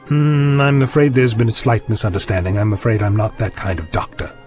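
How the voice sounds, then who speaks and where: An actor playing an eccentric, observant and courteous time-travelling doctor in an audio drama, with a theatrical, polite way of explaining. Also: male voice, lowish voice, steady tone, fairly quick, darkish tone, faint music behind, lightly acted. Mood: eager, courteous.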